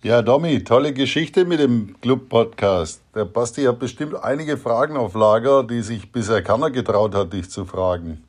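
A man's voice: mid-range voice, normal speed, few pauses, slightly rough. A man, a father recording a fond, reminiscing message to his son, with some hesitant fillers.

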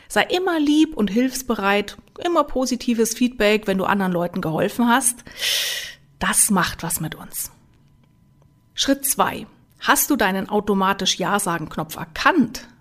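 A woman self-help coach giving a motivational talk, speaking straight to the listener with lively rhetorical questions. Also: medium pitch.

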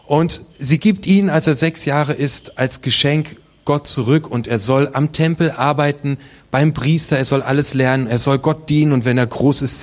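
A man preaching a sermon, telling the story in a casual, colloquial way with personal asides. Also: mid-range voice.

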